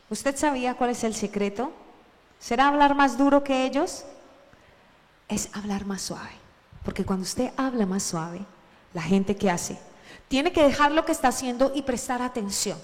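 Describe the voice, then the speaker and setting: A woman preacher giving a lively sermon, acting out the shouts of the Bible story as she retells it. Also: sits high, in a large hall. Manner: animated, acts out shouted Bible quotes.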